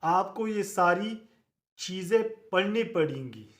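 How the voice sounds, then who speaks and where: A man teaches phonetics in a slightly raised voice. He speaks very slowly and deliberately, repeating each example so it sinks in. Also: sits high, expressive, fairly bright tone. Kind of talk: phonetics lecture.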